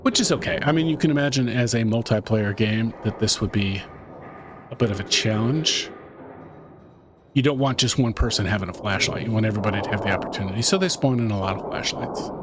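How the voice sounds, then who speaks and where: A man's voice: on the low side, fairly quick, background noise. A man giving tense running commentary while he plays a horror game, talking under his breath to himself and the viewer. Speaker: gaming YouTuber. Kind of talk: let's-play commentary.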